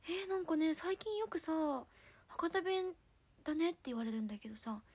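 A young woman from Fukuoka with a Hakata accent, chatting casually on a livestream, giggling and sometimes dropping to a soft murmur. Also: high voice, expressive, fast. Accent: Hakata dialect. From Fukuoka, Japan. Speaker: idol livestreamer.

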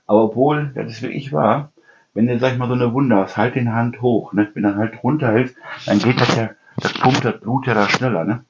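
A man's voice: mid-range voice, steady tone, fairly quick, noisy background. A middle-aged man chatting casually as host of a home cooking channel, rambling from story to story and tagging his sentences with "ne?". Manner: chatty storyteller, constant "ne?" tags, mimics people. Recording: dull lo-fi sound.

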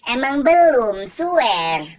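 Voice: high voice, very animated, drawn-out words, a little hiss or hum, heavily acted. A performer voicing a flustered schoolgirl who pleads and protests, in a cartoon. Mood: defensive. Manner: pleading and defensive. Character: gaming-loving schoolgirl, flustered and easily bullied. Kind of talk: cartoon voice acting.

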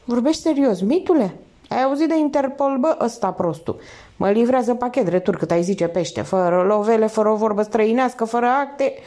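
A woman's voice: on the high side, dark tone, pitched above the performer's own voice, natural voice. A woman reading aloud and voicing a brash, mocking male thief who talks in street slang. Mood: scoffing.

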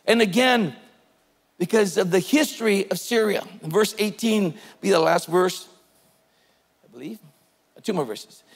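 A man's voice: high-pitched, unhurried, vocal fry, long pauses, breathy edge, big-room sound. A man preaching a sermon as pastor, retelling a scripture story emphatically and urging his listeners to take hold of it. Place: church sanctuary.

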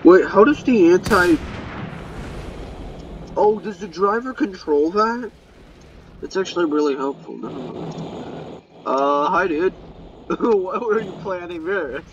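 A young man talks through his game in a slightly high, unhurried voice, swearing and grumbling at his teammates. He sits back from the mic, and faint game sounds hum behind him. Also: lively intonation, distant mic, dull audio. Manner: swears often, exasperated muttering at teammates. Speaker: gamer streamer. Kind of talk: live gameplay commentary. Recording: mic set back, faint background noise.

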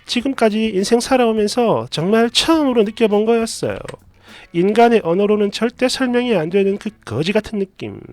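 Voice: medium pitch, a little fast, no room sound. A narrator casually telling a reader's story with chatty asides of their own. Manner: lively, chatty, adds asides and comments.

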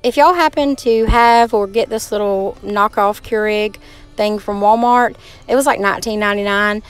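A woman's voice: mid-range voice, moderate pace, poor audio. Brief: young Southern woman, folksy cleaning vlogger, camera mic in a small kitchen, faint music behind. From Georgia, US. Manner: chatty, folksy, talks to viewers while doing chores. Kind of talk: casual chat while cleaning. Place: small kitchen and living room of a trailer home.

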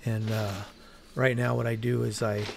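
A man casually narrating as he walks through an abandoned desert building at night, with a camera strapped to his chest, rambling slowly and correcting himself as he goes. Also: mid-range voice, flat delivery, vocal fry, background noise. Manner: slow, rambling, self-correcting. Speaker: urban explorer vlogger. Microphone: chest-mounted camera.

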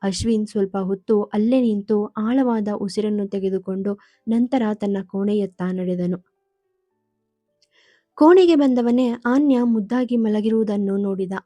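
A woman storyteller narrating a family drama in a calm, even manner. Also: medium pitch, unhurried, dry recording, dull audio. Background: soft music.

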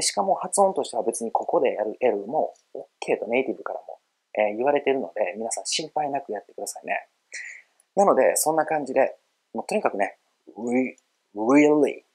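A man's voice: fairly low pitch, slightly rough, low-quality recording. A middle-aged man teaching English pronunciation in a casual video lesson, explaining in a friendly way and demonstrating words with exaggerated emphasis. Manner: friendly, explanatory, calls himself an old guy.

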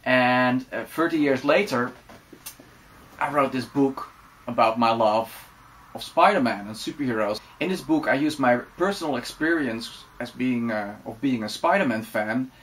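Man, 40s, Dutch accent, relaxed casual vlog talk, filler-heavy, indoor room. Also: mid-range voice, moderate pace. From Netherlands. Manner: relaxed and chatty, with frequent fillers. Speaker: vlogger.

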